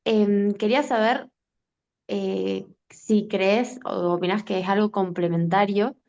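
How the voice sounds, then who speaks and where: A woman asking a tentative question on a video call, with many filler pauses. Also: medium pitch, fairly even intonation, gravelly, a little mellow, muffled recording. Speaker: workshop participant.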